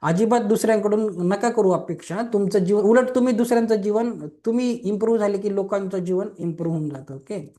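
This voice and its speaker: A man's voice: high-pitched, brisk, dark tone. A young man teaching a Reiki webinar, explaining simply and often checking in with listeners by asking if they agree. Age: young adult. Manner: explains simply with questions and everyday examples. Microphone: online webinar mic.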